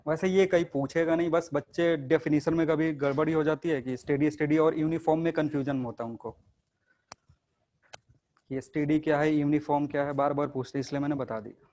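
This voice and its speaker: A man's voice: a little high, fairly even intonation, brisk, a little mellow. A male teacher giving a classroom lecture to students. He asks questions and answers them himself, and he mixes English technical terms into his Hindi.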